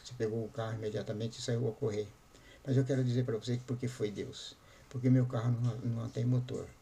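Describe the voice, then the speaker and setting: Brief: man voicing a calm believing neighbor, insistent, with a mellow, dark tone. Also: medium pitch, fast talker, gravelly, a little hiss or hum, natural voice. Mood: explaining. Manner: insistent, preaching.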